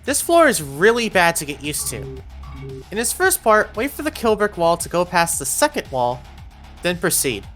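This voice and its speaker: Soft background music accompanies a woman's step-by-step, directive narration of a video game walkthrough meant to guide players. Her voice sits on the low side, very animated and fairly bright, at a moderate pace.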